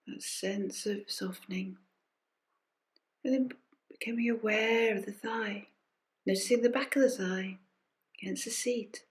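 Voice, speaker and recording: During an online group session, a meditation teacher leads a body scan at an unhurried, gentle pace. Her medium-pitched voice arrives in short phrases separated by restful pauses as she softly invites listeners to follow along.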